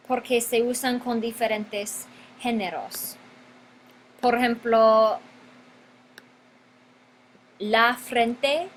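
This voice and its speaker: A woman's voice: on the high side, a little hiss or hum, low-quality recording. A woman teaching a grammar lesson, stretching out key words and repeating them for her students. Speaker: Spanish teacher.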